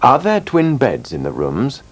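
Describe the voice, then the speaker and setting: A man teaching English in a scripted lesson, drilling words slowly and clearly. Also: mid-range voice, huge pitch swings. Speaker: language teacher.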